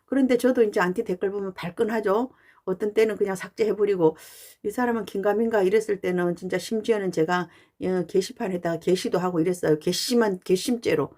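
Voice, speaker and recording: Chatty mellow-voiced woman YouTuber. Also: medium pitch. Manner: chatty and earnest, with frequent "uh" pauses. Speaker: fan channel YouTuber. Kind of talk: casual talking-head monologue.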